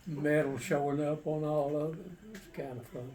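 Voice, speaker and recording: An older man, a war veteran, casually recounting his memories in a halting, matter-of-fact, plain-spoken way. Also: fairly high pitch, dark tone. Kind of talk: casual personal storytelling. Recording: distant mic with faint background noise.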